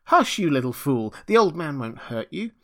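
A man's voice: mid-range voice, expressive, moderate pace, a bit bright, close to an everyday voice. A man voicing a young village mother in a storybook, plain-spoken and matter-of-fact. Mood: scolding, soothing.

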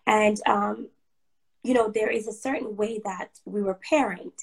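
A woman's voice: mid-range voice, fairly even intonation, unhurried, creaky, low-quality recording. A woman from Jamaica, chatting as an interview guest on a livestream and talking with many "um"s and restarts. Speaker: guest, blogger and author. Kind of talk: casual interview chat. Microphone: livestream call.

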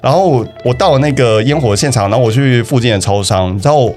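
A man's voice: medium pitch, fast, a little mellow, soft background music. A young man with a Taiwanese Mandarin accent, casually telling a personal story on a podcast, hesitant and often repeating himself. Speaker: guest telling his breakup story.

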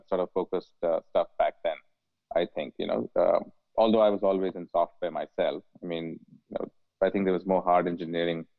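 Guest, man, 40s, from India; low voice, halting delivery, dry phone-like audio. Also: no room sound. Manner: hesitant, many fillers and restarts. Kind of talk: casual interview conversation.

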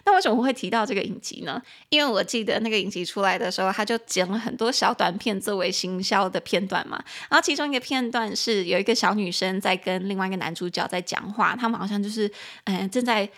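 Hosting a casual podcast lesson on English, this woman speaks with a Taiwanese Mandarin accent in a mid-range, slightly bright voice. She's chatty, spells words out slowly, and corrects herself along the way.

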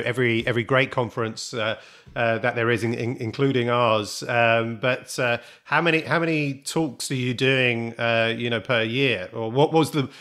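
A man's voice: medium pitch, a bit bright. A man hosting a podcast interview, asking casual, rambling questions with many restarts. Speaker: podcast host. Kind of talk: interview host.

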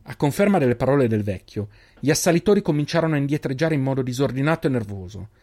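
A man narrating a fantasy story in a measured, even reading. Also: medium pitch. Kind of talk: audiobook narration.

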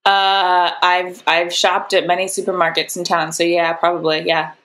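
A woman's voice: lowish voice, level tone, normal speed, fairly bright tone, close to an everyday voice. A woman playing a sassy suspect in an improvised comedy interrogation, rambling through hesitant explanations. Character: evasive female suspect, sassy.

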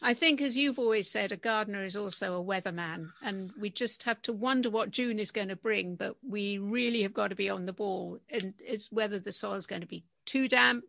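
A woman's voice: medium pitch, moderate pace, vocal fry, hardly any pauses, fairly bright tone. A woman hosting a gardening podcast, talking in a chatty, enthusiastic way with her co-host. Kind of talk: casual chat.

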